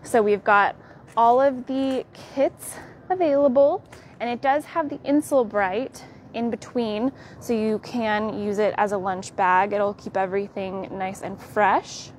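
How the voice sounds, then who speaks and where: A young woman with an American accent hosting a live tour of a quilt fabric shop, walking the aisles and showing products in a friendly, unhurried way. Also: medium pitch, slight background noise. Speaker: quilt shop staff host.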